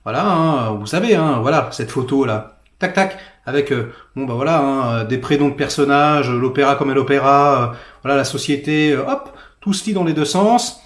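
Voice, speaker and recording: A man's voice: medium pitch, normal speed. Sarcastic French-speaking man in an echoey room. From France. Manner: vulgar, sarcastic, many fillers. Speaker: film critic. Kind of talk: casual rant-style movie review.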